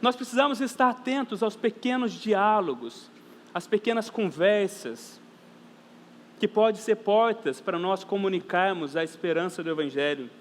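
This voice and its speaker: Addressing his congregation as brothers and sisters, a Brazilian Portuguese-accented pastor delivers an earnest, emphatic sermon at a moderate pace, repeating phrases to drive points home. His voice is high-pitched, and faint noise sits under the echo of a church hall.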